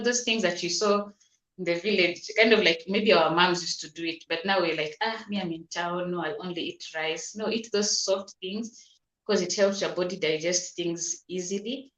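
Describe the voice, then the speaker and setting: A Kenyan woman doctor with a fairly low, slightly bright voice patiently gives health advice in interview answers, often repeating words and restarting. The recording has a roomy echo.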